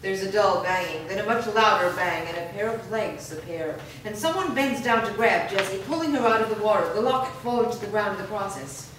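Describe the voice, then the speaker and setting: In a reverberant room hosting a live screenplay reading, a woman reads stage directions in an animated, brisk way with few pauses, her mid-pitched voice fairly bright. The capture is distant and very echoey, with background noise.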